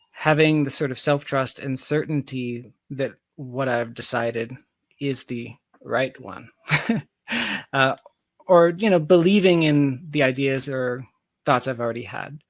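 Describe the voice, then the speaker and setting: Here a tech founder, appearing as an interview guest, speaks in a medium-pitched voice while musing casually and working out his wording on the fly. The audio is dry.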